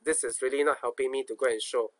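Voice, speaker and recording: A man's voice: medium pitch, fairly even intonation, fast talker, a bit bright, no echo. A man with a Singaporean accent giving an informal coding tutorial, thinking aloud in colloquial speech, asking himself questions and repeating phrases. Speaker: programming instructor.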